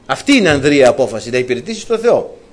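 A man's voice: medium pitch, big pitch swings, a little hiss or hum. A man preaching a sermon, telling stories to his congregation with colloquial asides and calling them dear brothers.

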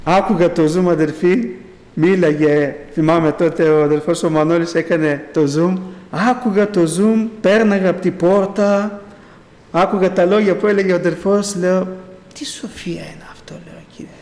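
In an echoey church hall with long reverb, a middle-aged man tells his personal faith story in a rambling way. His voice is high-pitched and darkish, and he keeps inserting "I say" as he recounts what happened.

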